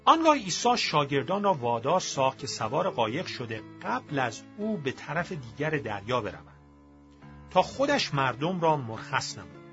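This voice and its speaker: A man reads scripture aloud in a measured, expressive storytelling manner. His voice sits a little high and moves through a lively range. The recording is slightly muffled, with faint music underneath. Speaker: scripture reader.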